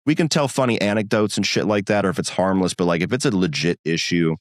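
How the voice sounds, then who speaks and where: A man's voice: low voice, fast talker, dry recording, studio quality. A man co-hosting a podcast in casual chat, talking bluntly and with plenty of profanity and restarts. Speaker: podcast co-host.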